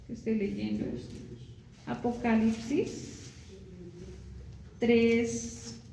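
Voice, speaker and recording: A woman preaching a sermon, slow and repetitive, often asking the listeners to answer. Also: on the high side, level tone, creaky, dark tone, roomy sound, slight background noise, low-quality recording. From Colombia. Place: church.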